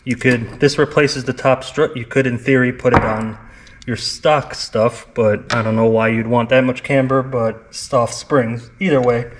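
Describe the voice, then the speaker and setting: A man hosting a casual car vlog, calmly explaining each step as he works in a garage. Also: mid-range voice, measured pace, noisy background. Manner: relaxed, explaining step by step while working. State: out of breath. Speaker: car channel host.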